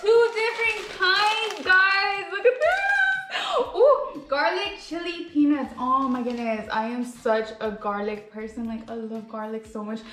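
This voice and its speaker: In an echoey room, a woman with a high-sitting voice reviews snacks at an unhurried pace for a casual vlog. Bubbly and gushing, she says "like" and "guys" constantly and slips in Spanish phrases.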